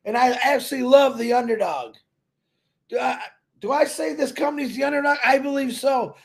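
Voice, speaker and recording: A man giving a loud, emphatic motivational talk to company members, telling folksy stories and repeating himself. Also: very high voice, moderate pace, gravelly. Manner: loud and emphatic, calls himself a big mouth; repetitive, folksy storytelling. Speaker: company promoter speaking to members.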